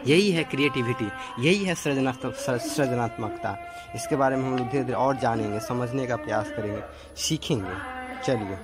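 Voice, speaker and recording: A man's voice: mid-range voice, moderate pace, loud music behind the voice. A man hosting a gardening video, explaining step by step as he works outdoors and films on a handheld phone. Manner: explains step by step, repeats "dekhiye" and "theek hai". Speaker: gardening channel host. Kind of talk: casual how-to narration while working. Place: outdoor garden with potted plants. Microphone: handheld phone camera.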